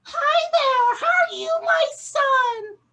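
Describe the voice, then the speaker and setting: Woman playing a clingy, tearful mother, loud and bright; comic improv. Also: very high-pitched, slow pace, heavily acted. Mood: anxious. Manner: weepy, gushing, shouting. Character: overdramatic doting mother, middle-aged. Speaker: improv player.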